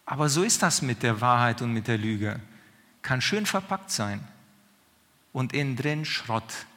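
A man's voice: mid-range voice, lively intonation, bright, forceful tone. A man preaching a sermon in a conversational, questioning way, often checking in with his listeners. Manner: questioning, conversational, drawn-out pauses. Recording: long reverb of a hall.

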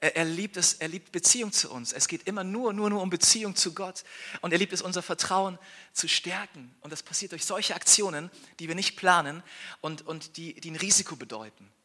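A man preaching a sermon with a bright, forceful tone and a voice pitched a little high. He talks earnestly and informally, tossing in little tag questions and restarting phrases as he goes. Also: fairly quick. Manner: restarts and repeated words. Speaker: pastor and church planter.

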